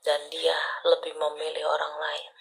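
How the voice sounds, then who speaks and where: A woman's voice: sits low, completely flat delivery, unhurried, vocal fry, low-quality recording. A woman doing palm readings for a caller on a live stream, talking intimately and often dropping to a whisper. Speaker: palm reader.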